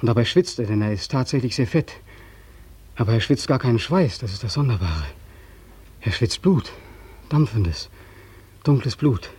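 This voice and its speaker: A bitter, worn-out young soldier. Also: male voice, mid-range voice, dark tone, breathy edge. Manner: bitterly ironic, weary, repetitive address. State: exhausted. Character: exhausted young male war returnee, bitter, sleepless. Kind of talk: 1940s radio acting.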